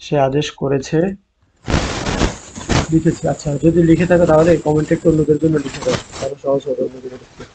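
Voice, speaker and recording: Teaching Arabic online, a man with a Bangladeshi Bengali accent drills word forms at a slow pace, repeating each one. He speaks at a fairly high pitch with fairly even intonation over a noisy background.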